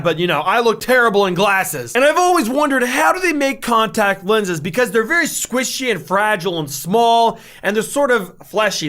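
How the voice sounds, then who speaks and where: A man's voice: sits high, sharp tone. A man doing casual, joking reaction commentary as a host, with a slangy, crude, self-mocking manner.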